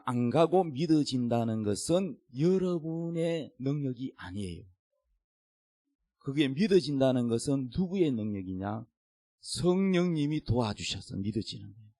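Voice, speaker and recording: A man's voice: a little high, dry recording, clean studio sound. A middle-aged man preaching an emphatic sermon as a pastor, questioning the congregation directly. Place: church.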